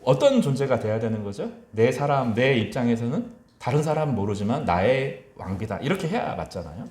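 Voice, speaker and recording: Pastor guy preaching, voice jumps all over, loud quotes then quiet asides, echoey church. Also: a little fast. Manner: animated, acts out mocking voices and quotes; mixes loud rising quotes with soft low asides. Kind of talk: sermon. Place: church sanctuary.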